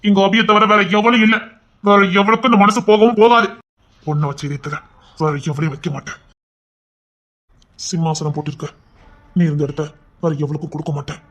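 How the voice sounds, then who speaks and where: Husky, fast-talking husband John, played by a man. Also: on the high side, little pitch movement. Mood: tender. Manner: fast, blustering, then soft and coaxing. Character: devoted, brash young husband John. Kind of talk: amateur Tamil audio drama.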